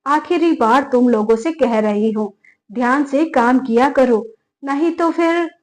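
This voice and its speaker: A bullying young daughter-in-law shouts down her elderly in-laws in a raised, high voice, as a woman narrator plays her. She scolds and threatens without letting up. The voice sits fairly high. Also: a little slow. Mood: angry scolding.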